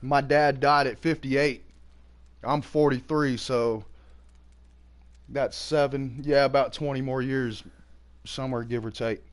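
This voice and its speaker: A streamer in his early forties chats loosely and unhurriedly while gaming, rambling and swearing freely in a laid-back manner. His voice is at an ordinary middle pitch with fairly even intonation.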